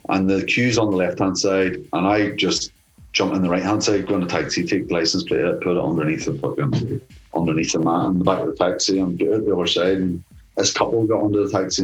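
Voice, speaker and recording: A middle-aged man with a low voice tells a rowdy story as an interview guest. He swears freely and chuckles his way through it, with faint music underneath. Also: poor audio. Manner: profane, laughing storyteller. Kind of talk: casual anecdote telling.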